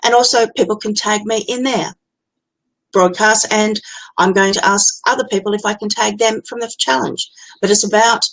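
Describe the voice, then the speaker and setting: A woman's voice: medium pitch, steady tone, normal speed, a bit bright, low-quality recording. A woman with an Australian accent, hosting a live stream as a business coach and talking in a candid, chatty, blunt way. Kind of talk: unscripted live-stream talk.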